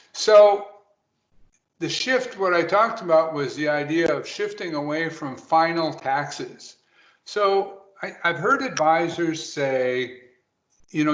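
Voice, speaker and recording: A man giving a webinar presentation to financial advisors, talking quickly and briskly. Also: fairly high pitch, a bit bright, a little hiss or hum. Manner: brisk, rapid delivery. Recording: roomy, dull lo-fi audio.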